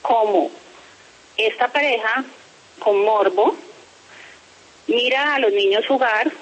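A woman's voice: on the high side, takes it slowly, poor audio. A woman being interviewed by phone about a complaint, speaking firmly and formally. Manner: firm, insistent, formal. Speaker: interviewee, parent making a complaint.

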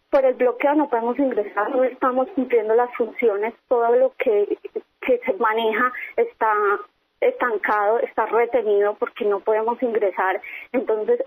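A woman speaks firmly over a telephone line, pressing the same points again and again. Her voice sits a little high, and the sound is thin and tinny like a phone call. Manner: firm, insistent, repeats her points. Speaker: company employee interviewed by phone. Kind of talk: phone interview.

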